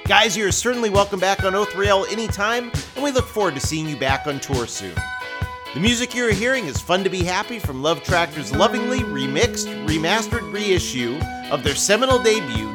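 A man hosting a podcast, reading an upbeat scripted outro. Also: sits high. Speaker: podcast host. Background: music playing.

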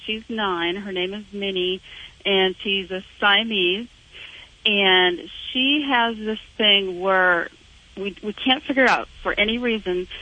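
A woman phoning in to a radio show, chatting casually over a telephone line. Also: mid-range voice. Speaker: phone-in caller. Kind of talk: casual chat. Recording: bright tinny telephone line.

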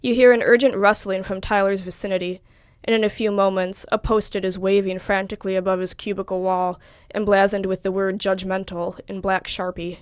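A woman reads literary fiction aloud in a measured, even way. Her voice sits at a middle pitch. The recording is close and dry, with no room echo. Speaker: reader.

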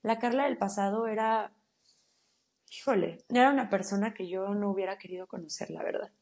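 A woman with a Mexican accent, a podcast guest telling a personal story in a casual, animated and slangy way. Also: medium pitch, a little fast, creaky. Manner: animated, slangy, acts out her own quotes.

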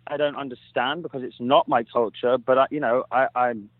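A man's voice: mid-range voice, fairly even intonation, a little fast, no room sound. A British man in his thirties from England, a guest telling stories in an easygoing way and laughing now and then. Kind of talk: casual interview. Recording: tinny phone line.

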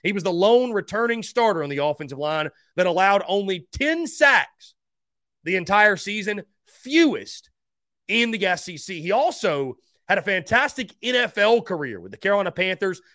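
A man's voice: high-pitched, lively intonation, normal speed, bright, forceful tone, no echo, clean studio sound. A man hosting a sports countdown, announcing rankings and names with emphasis and talking to listeners as guys. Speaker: sports host counting down a ranked list. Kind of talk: top-five countdown sports commentary.

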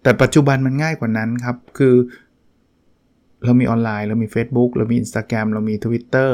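A man's voice: mid-range voice, a little mellow. A man hosting a book review podcast, talking casually and acting out short quoted examples along the way. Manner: chatty, acts out little quoted examples. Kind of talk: casual solo podcast talk.

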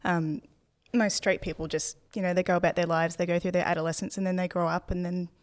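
Lower-voiced woman hosting a podcast. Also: level tone, quick pace. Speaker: podcast host. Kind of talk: podcast interview.

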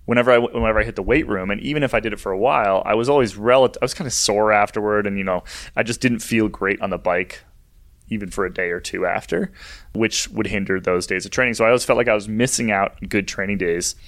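A man's voice: fairly low pitch, fast talker, fairly bright tone. A man co-hosting a podcast, chatting casually and musing aloud with a joking edge. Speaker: podcast co-host. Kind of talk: casual chat.

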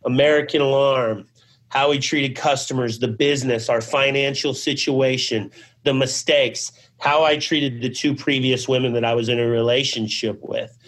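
A man's voice: medium pitch, steady tone, moderate pace, a bit bright. Middle-aged man rambling through his story. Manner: rambling, filled with "you know" and "man"; acts out remembered conversations. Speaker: interview guest, business founder. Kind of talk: casual storytelling in an interview.

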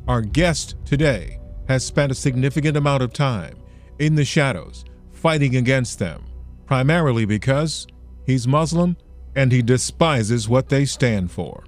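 A man hosts in a deliberate broadcast style, pausing for emphasis between phrases. His voice sits at a medium pitch, with faint music behind it. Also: animated. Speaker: podcast host and interviewer. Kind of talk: scripted narration and interview questions.

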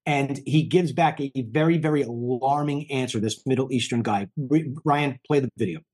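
A man in his fifties hosts a political news show, delivering commentary in a heated, emphatic way and often repeating himself. His voice is medium-pitched at a normal speed, with a noisy background.

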